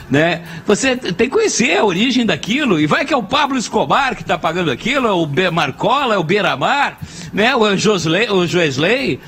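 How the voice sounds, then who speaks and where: A man's voice: high voice, a bit bright, husky. An older man with a Brazilian accent giving indignant, emphatic radio commentary, repeating phrases for effect.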